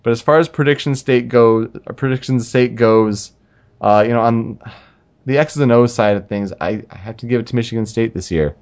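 A man co-hosting a casual sports talk show, making relaxed, talkative predictions about college football. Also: mid-range voice, normal speed. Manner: relaxed, talkative, spells out names. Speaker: sports podcast co-host.

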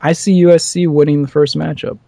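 Mellow-voiced man, dry close sound. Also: on the high side, little pitch movement, brisk, vocal fry, dry recording. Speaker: sports podcast co-host. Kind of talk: casual sports chat.

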